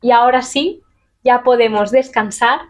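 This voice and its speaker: A woman teaches a Spanish grammar lesson to camera, lively and chatty, acting out little example questions. Her voice is on the high side and moves at normal speed.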